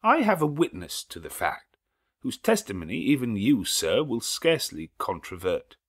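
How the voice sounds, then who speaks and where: Nasal, precise lawyer with a husky edge, pitched up from his usual register, as a male reader puts him on for a storybook. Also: wildly swooping pitch, normal speed, full character voice. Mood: formal. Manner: precise, official reading. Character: nasal, formal middle-aged male solicitor.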